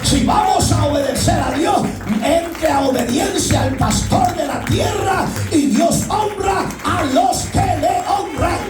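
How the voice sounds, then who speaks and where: A male pastor with a very high voice delivers a fervent sermon, often rising to a shout and dropping in folksy asides. He is recorded from a distance in an echoey church hall, with faint music underneath. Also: slow pace, hardly any pauses, a loud crowd.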